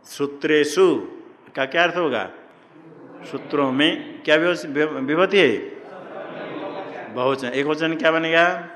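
A male teacher works through a grammar lesson at an unhurried pace. He repeats each term and keeps quizzing his students. His voice rings with the long reverb of a large hall. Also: on the high side, a bit bright. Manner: slow, repeats terms and quizzes the class. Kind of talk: classroom teaching with questions to students. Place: ashram classroom.

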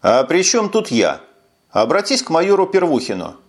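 A man's voice: a little high, wildly swooping pitch, moderate pace, pitched above the performer's own voice. A man voicing a tired, sarcastic police lieutenant who speaks curtly in an audiobook. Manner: sarcastic, curt. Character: weary sardonic male police lieutenant.

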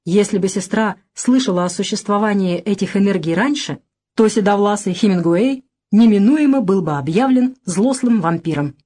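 Woman, audiobook narration, measured, even, mid pitch. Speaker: audiobook reader.

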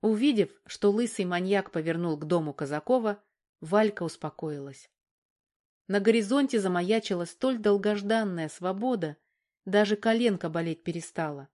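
A woman reading an audiobook in a measured, even narration. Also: medium pitch. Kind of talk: scripted narration.

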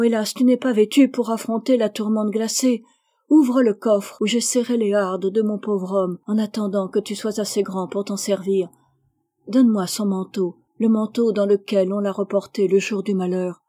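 A woman's voice: medium pitch, warm tone, natural voice. A woman voicing a poor, sick peasant mother in a storybook reading, tender and pleading.

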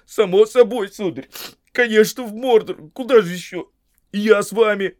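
A man's voice: high voice, moderate pace, no room sound, clean studio sound, voice pushed up, close to an everyday voice. A man voicing a young, loyal male hobbit servant who talks in a tearful, pleading, folksy way in an audiobook. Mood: stubborn. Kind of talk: audiobook character voice.

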